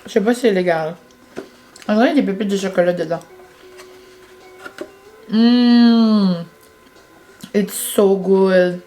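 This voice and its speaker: Speaking slowly with long pauses, a young female vlogger chats casually to her audience in a medium-pitched, mellow voice, faint music behind her. She uses lots of fillers and English words.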